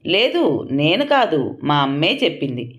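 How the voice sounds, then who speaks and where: List: woman storyteller voicing a young daughter-in-law, sarcastic, blunt, low voice. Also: very animated, moderate pace, highs cut off. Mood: defiant, sarcastic. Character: sharp-tongued young daughter-in-law, defiant.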